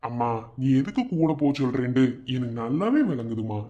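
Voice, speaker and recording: An actor with a playing a blunt, teasing young man who is gentle with his friend and keeps a secret from her, in a television drama. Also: medium pitch, lively intonation, a little fast, muffled recording, close to an everyday voice. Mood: dismissive.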